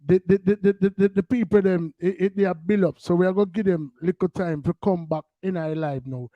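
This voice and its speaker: A male podcast host with a Jamaican Patois accent rambles casually on a live stream, full of fillers and restarts. His voice is mellow and warm and sits a little high. The sound is close and dry. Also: dry recording, poor audio.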